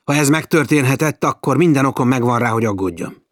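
A man voicing a bold, brash male naval officer adventurer, speaking forcefully and commandingly. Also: lowish voice, husky, no echo, studio quality. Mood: urgent.

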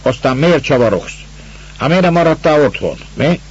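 A man's voice: fairly high pitch, animated, breathy edge, voice pushed up. A man voicing a blunt, impatient landowner who barks and scolds, on a dull, lo-fi recording. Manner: barking, scolding orders. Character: gruff older male landowner, impatient, blunt. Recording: dull lo-fi recording, faint hiss.

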